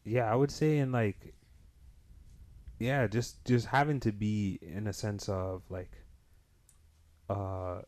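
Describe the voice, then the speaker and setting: A man's voice: on the low side, fairly even intonation, takes it slowly, long pauses, darkish tone. A young man hosting a casual chat, speaking in a hesitant, rambling way with heavy street slang. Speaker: podcast host.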